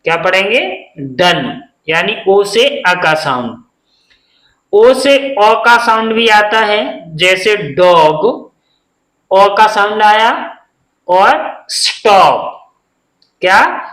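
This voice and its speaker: Very slow, bright-voiced male phonics teacher. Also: high voice, expressive, echoey room, low-quality recording. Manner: spells words letter by letter, asks and answers himself. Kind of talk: phonics lesson for beginners.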